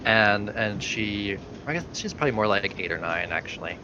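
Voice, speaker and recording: A man's voice: on the low side, animated, moderate pace, lo-fi sound, background noise. A man narrating a tabletop game as game master, hesitant and full of fillers.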